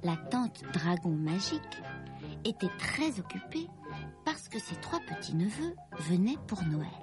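A woman reading a children's story aloud, slow and expressive with gentle dips in pitch. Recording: dry close recording with faint music.

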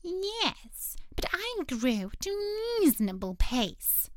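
A woman voicing a sulky, sleepy male dormouse who grumbles in a very slow drawl. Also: extremely high pitch, sing-song, dry recording, clean studio sound, pitched above the performer's own voice, full character voice. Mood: grumpy.

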